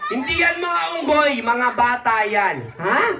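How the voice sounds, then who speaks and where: Excitable puppet show host in hall. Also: male voice, very high-pitched, a little slow, recorded from a distance, noisy background. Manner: excitable, scolding, laughing. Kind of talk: live puppet show for children. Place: birthday party in a large hall. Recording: echoey hall from afar with music.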